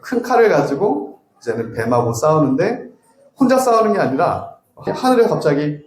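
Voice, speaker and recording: A man preacher giving a sermon that builds into impassioned, shouted prayer. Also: a little high, sing-song, normal speed, echoey room, a little hiss or hum. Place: church sanctuary.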